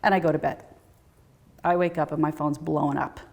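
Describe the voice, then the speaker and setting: A middle-aged woman, a guest on a talk show, telling a personal story in conversation and acting out the quoted dialogue with big jumps in pitch. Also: steady tone, a little fast, creaky, darkish tone.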